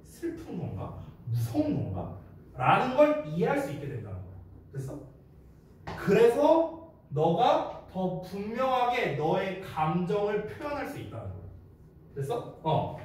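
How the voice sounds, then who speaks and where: A man's voice: sits high, huge pitch swings, a little slow, a little mellow, a little hiss or hum. A man in his thirties teaching an exam-prep English lecture, casual and teasing, often checking in with his students. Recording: echoey room, mic at a distance.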